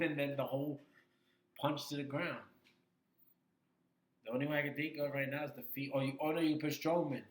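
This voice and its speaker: A man of medium pitch co-hosts a casual wrestling chat, excited and insistent, hammering his points home by saying them twice. His voice rings in a roomy, echoey space. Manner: animated, repeats himself for emphasis. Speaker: podcast co-host. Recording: echoey room.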